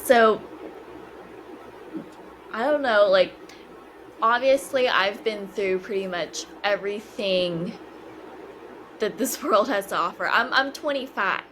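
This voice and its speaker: A woman's voice: medium pitch, slow pace, long pauses, fairly bright tone, slight background noise, poor audio. A woman in her twenties, a podcast guest, talking hesitantly with many fillers and restarts. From China. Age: 20s. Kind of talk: casual interview conversation.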